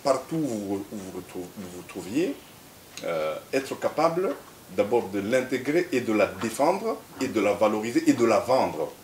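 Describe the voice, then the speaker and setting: A man from Central Africa, an interview guest who talks haltingly, repeating words, then tells stories in a measured way. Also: on the low side, sing-song, darkish tone. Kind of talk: reflective conversational interview. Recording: echoey room with faint hiss.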